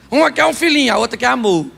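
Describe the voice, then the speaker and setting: A man preaching a humorous sermon as a pastor, animated, firing rhetorical questions at the congregation and slipping in comic asides. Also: very high voice, vocal fry, breathy edge.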